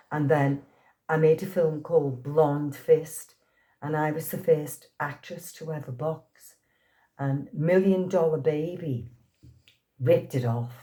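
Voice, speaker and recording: A Liverpool actress in her sixties, speaking with a Liverpool accent, chats through an interview and tells anecdotes, laughing often. Her voice sits low and has a dark tone. It's a casual storytelling interview.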